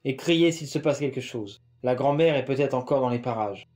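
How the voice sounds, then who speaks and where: A man voicing Laurent, a steady adult man giving firm instructions during a rescue. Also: mid-range voice, normal speed, faint music behind, lightly acted. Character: calm helpful adult man, neighbor Laurent.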